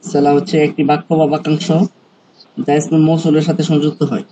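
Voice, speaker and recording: A male student reciting his answer loudly, starting with hesitant fillers, in an online class. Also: a little high, monotone, brisk, rough recording.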